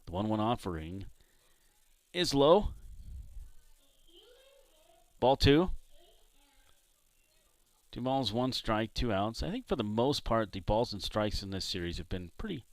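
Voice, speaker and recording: A man from San Diego doing play-by-play commentary for a baseball game, chatting between pitches. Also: a little slow, long pauses, dry recording. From San Diego, California. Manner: relaxed, chatty between pitches, jumps up loud on big hits. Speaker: play-by-play announcer.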